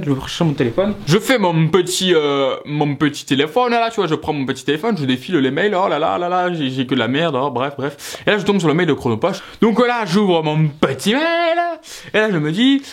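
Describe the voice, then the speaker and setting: A man with a fairly high voice tells a personal story in a relaxed, chatty way. His voice jumps up and down as he acts out his reactions, and he keeps speaking straight to his viewers. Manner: animated, swinging pitch, talks straight to viewers. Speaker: vlogger telling a story. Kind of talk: casual story time.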